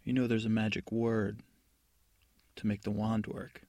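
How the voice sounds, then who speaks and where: A man's voice: fairly low pitch, little pitch movement, measured pace, mellow, no echo. A man voicing a stern, imprisoned fairy godmother in a spoken bedtime story, issuing warnings with rambling restarts. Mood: knowing. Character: stern jailed fairy godmother, woman, threatening.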